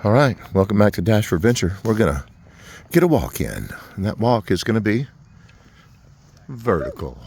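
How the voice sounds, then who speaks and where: Deep, animated middle-aged male vlog host. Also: moderate pace, gravelly. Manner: chatty, upbeat tour-guide narration. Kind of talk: casual narrated walkthrough. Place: inside a stone tower stairwell.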